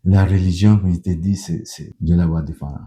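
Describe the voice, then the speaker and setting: A man's voice: sits low, steady tone, a little fast, mellow. A middle-aged man who speaks French as a second language, a union leader and pastor telling his story in an earnest documentary interview, with hesitant restarts and repeated words. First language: not French.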